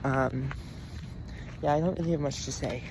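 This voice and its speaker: Casual student vlogger, twenties, chatty and laughing, slight fry, traffic noise around. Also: medium pitch, steady tone, normal speed. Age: 20s. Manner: rambling, chatty, laughs often. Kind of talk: casual vlog chat. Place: walking outdoors around campus.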